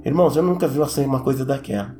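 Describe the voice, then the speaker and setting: A man's voice: medium pitch, rapid-fire. A Brazilian man giving a dramatic, emotional testimony to a church audience, acting out the voices in his story. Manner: dramatic, animated, acts out voices. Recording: roomy with soft music behind.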